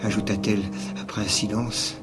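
A man performs a novel as a dramatized literary reading on an old radio broadcast, music running underneath. At a normal speed and level tone, his narration keeps slipping into a low whisper, and jealous outbursts erupt in the dialogue.

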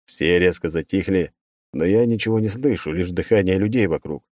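A man reading a first-person audiobook in a brisk, wry storytelling manner on a close mic. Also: deep voice, darkish tone, no room sound. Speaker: audiobook narrator.

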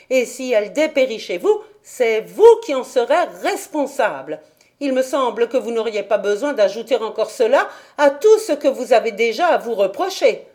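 Insistent, defensive young woman, raised high voice, read by a woman narrator. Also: darkish tone, lightly acted.

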